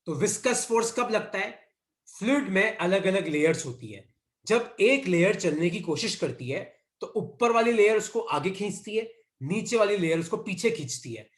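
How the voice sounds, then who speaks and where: This online physics lesson comes from an Indian man with a high-pitched voice in an echoey room. He blends Hindi with English terms and keeps repeating dictation cues so students copy down the notes.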